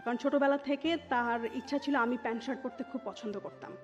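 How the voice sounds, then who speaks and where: She talks fast in a fairly high voice, a Dhaka-accented woman in her thirties recounting her life as an interview guest. Her Bengali is sprinkled with English words. Background music plays beneath the dull, muffled sound.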